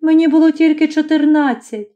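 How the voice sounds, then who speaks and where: A woman's voice: sits high, a little fast, warm tone, lo-fi sound, close to an everyday voice. A woman voicing a young witch wife who pleads tearfully with her husband. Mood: pleading. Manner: tearful, imploring.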